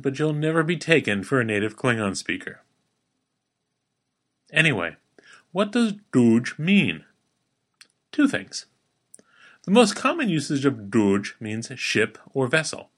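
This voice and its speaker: A man hosting a daily language-lesson podcast, teaching in a playful, wry way and slowing down to model sounds for the listener. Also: mid-range voice, fairly bright tone. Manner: slows down to spell out and model pronunciation.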